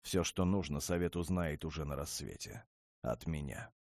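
A man as a calm, menacing dragon lord. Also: no echo, clean studio sound. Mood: cold. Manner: low, measured and restrained.

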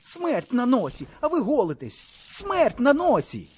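A man voicing a panicked young male officer who shouts hysterically in a shrill voice. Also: huge pitch swings, measured pace, husky, exaggerated voice.

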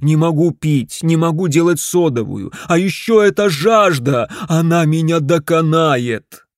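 Storybook part: man reading as a desperate, whining middle-aged stall owner, raised and loud, dry sound. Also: medium pitch, unhurried, no echo, natural voice. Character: frantic middle-aged husband, a beach stand owner.

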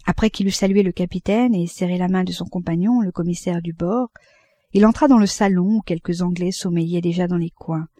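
A woman reading a classic novel aloud as audiobook narration, in a measured, unhurried manner. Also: lowish voice, warm tone, no room sound, studio quality. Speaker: audiobook reader.

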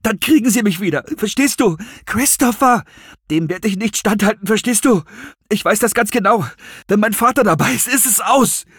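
A man's voice: high-pitched, moderate pace, fairly bright tone, husky, dry recording, studio quality, pitched above the performer's own voice. A man doing a breathless, panicked young man. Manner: breathless, shaky, near collapse. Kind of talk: audiobook character voice.

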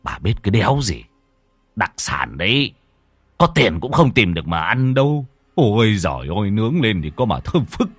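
Coarse greedy older husband, voiced by a male narrator, gruff and cursing; low pitch, dry sound. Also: big pitch swings, moderate pace, no echo. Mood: dismissive.

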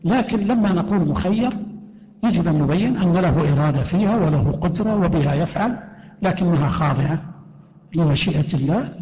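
A man's voice: fairly high pitch, warm tone. A man teaching a creed class as a sheikh, reading out written questions and answering each in short, firm statements. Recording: echoey lo-fi hall recording.

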